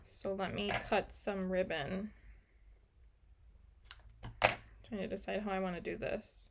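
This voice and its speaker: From her craft desk, a young woman teaches a live card-making class, chatting viewers through each step. She speaks slowly at medium pitch with fairly even intonation and a creaky quality, over background noise, filmed by an overhead desk camera with the mic off screen.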